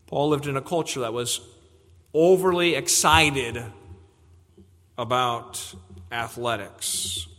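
A man's voice: medium pitch, takes it slowly, pauses often, a bit bright, in a large hall. A man preaching an evening sermon, earnest and emphatic, repeating key phrases for weight. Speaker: pastor.

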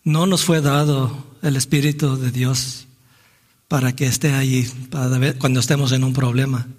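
A man's voice: medium pitch, steady tone, normal speed, a little mellow. A man preaching a sermon in a church, earnest and reflective, often restarting phrases and asking "¿no?". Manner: earnest, with frequent restarts and rhetorical "¿no?". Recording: long hall reverb.

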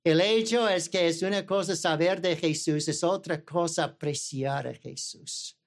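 A man's voice: on the high side, steady tone, measured pace. A man preaching a Sunday sermon in an emphatic way, stacking repeated parallel phrases and correcting himself mid-word.

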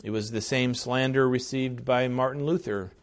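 A man's voice: medium pitch, fairly even intonation, moderate pace. A man preaching an expository sermon as pastor, earnest and emphatic, with repeated phrases and some fillers.

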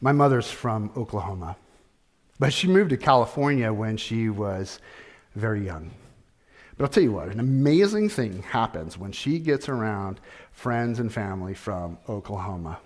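A middle-aged man preaching a sermon, measured and deliberate, repeating key phrases and asking rhetorical questions. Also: lowish voice, animated. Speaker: pastor.

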